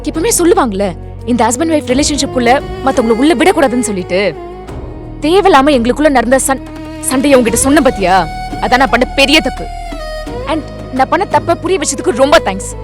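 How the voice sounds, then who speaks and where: A woman playing an emotional young wife, high voice. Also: animated, fast talker, long pauses, music in the background. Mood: angry. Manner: emotional, pleading. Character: young wife pleading with her husband. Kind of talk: short film acting.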